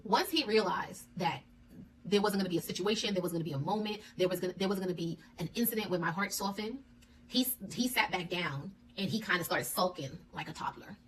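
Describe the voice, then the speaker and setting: A woman telling a personal story in a casual storytime style, blunt, profane and animated. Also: fairly low pitch, a little fast, distant mic, slight background noise, rough recording.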